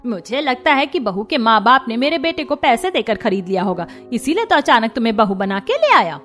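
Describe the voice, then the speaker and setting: A woman voicing a scornful middle-aged mother-in-law in a cartoon story, sharp and mocking. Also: fairly high pitch, very animated, fairly quick, faint music behind. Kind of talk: cartoon voice acting.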